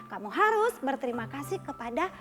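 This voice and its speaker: A woman voicing a calm older male baker who explains slowly and patiently. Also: high-pitched, over music, pitched below the performer's own voice.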